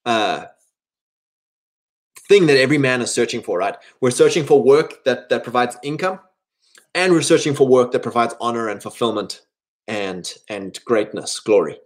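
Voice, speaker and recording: With an expressive, medium-pitched voice at a moderate pace, a man of thirty delivers rambling, casual motivation to other men. He often shifts into imagined lines of dialogue as he advises them.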